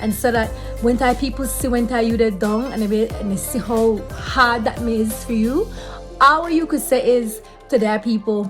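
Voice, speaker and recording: A woman's voice: a little high, normal speed, faint music behind. A woman in her late thirties with a Belizean Creole accent, talking casually and earnestly, repeating phrases for emphasis as she offers encouragement. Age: late 30s. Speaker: vlogger giving faith advice. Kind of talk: casual talk to camera with spiritual encouragement.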